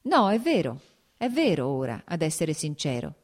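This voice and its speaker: Audiobook: woman reader voicing a young male officer, reserved and earnest, low-set voice. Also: big pitch swings, moderate pace, a little mellow.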